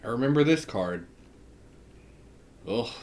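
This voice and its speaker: A man's voice: medium pitch, animated, slow pace, a little mellow, slight background noise. A man with a Southern US accent, chatting enthusiastically as he unboxes a tarot deck and laughs often. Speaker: tarot reader. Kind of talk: casual deck unboxing chat.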